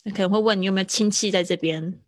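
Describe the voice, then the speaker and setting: A woman's voice: mid-range voice, fairly even intonation, fast talker, no room sound, studio quality. A woman English teacher, giving a live-streamed lesson in a chatty, patient way with frequent laughter.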